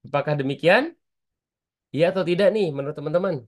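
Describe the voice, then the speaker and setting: A man's voice: on the high side, quick pace. A man teaching an online public speaking class, chatty and constantly asking his students for answers.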